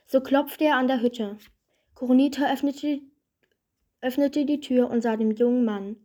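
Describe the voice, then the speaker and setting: A woman reading a fairy-tale parody aloud in a calm, measured storybook manner. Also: high voice.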